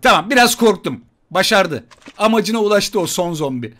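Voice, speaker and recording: Excitable high-voiced man gaming. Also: normal speed. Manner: excitable, swears playfully, talks to viewers and enemies. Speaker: gaming YouTuber. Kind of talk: mobile shooter gameplay commentary. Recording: gunfire and game noise behind.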